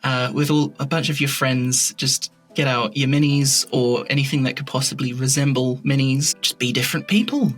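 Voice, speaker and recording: A man who creates fantasy audio dramas talks about his creative work as a podcast guest, in a casual, reflective, informal interview chat where he often rephrases mid-thought. His mid-range voice is a bit bright, with fairly even intonation, a moderate pace and hardly any pauses. Soft music plays in the background.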